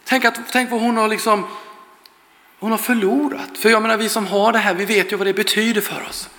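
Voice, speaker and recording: A man's voice: high-pitched, steady tone, sharp tone. A man preaching and praying, earnest and fervent, telling a story to his congregation. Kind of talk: sermon with prayer and storytelling. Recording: echoey hall with long reverb.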